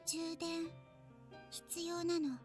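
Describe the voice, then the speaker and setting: A woman voicing a strange, blank-faced schoolgirl in a visual novel game, speaking in flat, clipped, detached lines. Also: extremely high pitch, slow pace, soft background music. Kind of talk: Japanese game voice acting.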